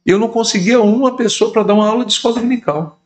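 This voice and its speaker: Bishop guest, middle-aged male, animated storyteller who voices the people he quotes. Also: high-pitched, rapid-fire. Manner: lively storyteller who acts out quoted dialogue. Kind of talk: storytelling in a podcast interview.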